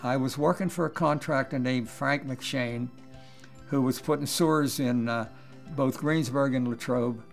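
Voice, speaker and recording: Old man in his 80s, gravelly, quiet and measured, little music in back. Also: medium pitch. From Pennsylvania. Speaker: interviewee. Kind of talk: documentary interview storytelling.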